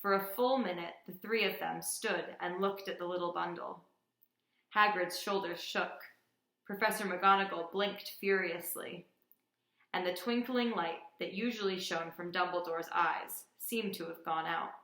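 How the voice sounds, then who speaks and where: A woman reading a children's book aloud in a gentle, unhurried way. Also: lowish voice, echoey room. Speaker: storytime reader.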